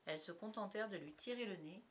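A woman reading a children's story aloud with a lively, expressive delivery. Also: medium pitch, quick pace, a little hiss or hum.

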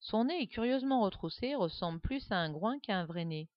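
A woman narrating a children's story with a lively, expressive reading, on a dull, dry recording. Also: mid-range voice, fairly quick, dry recording.

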